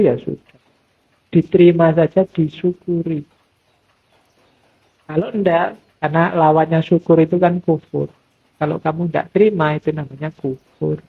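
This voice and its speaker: A middle-aged man giving a relaxed, conversational mosque lecture as a philosophy teacher. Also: a little high, gravelly, slightly rough. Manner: relaxed conversational preaching, acts out quoted voices. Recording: thin phone-like lo-fi sound.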